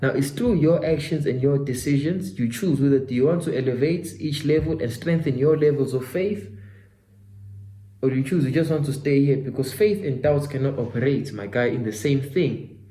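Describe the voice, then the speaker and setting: Speaking at normal speed in a medium-pitched, dark-toned voice, a self-development vlogger in his twenties gives a faith-driven motivational monologue. He preaches, repeats himself, and calls both himself and the listener "my guy." The recording is reverberant and of poor quality.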